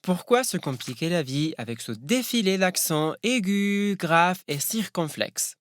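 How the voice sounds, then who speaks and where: A man's voice: high voice, expressive, measured pace, a bit bright, dry recording. A man from Spain whose first language is Spanish, giving a wry, teasing scripted narration.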